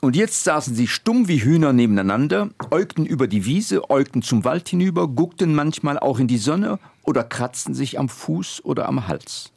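A man reading a story aloud for radio in a lively storytelling manner. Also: medium pitch, moderate pace, vocal fry, few pauses, husky, dry recording. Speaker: radio presenter and reader.

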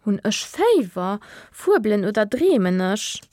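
A frightened young boy stammers out his words, hesitant and shaky. A woman voices him slowly and close to the microphone in a dry storybook reading. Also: mid-range voice, sing-song, warm tone, dry recording. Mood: anxious. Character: startled young boy, shaken and timid.

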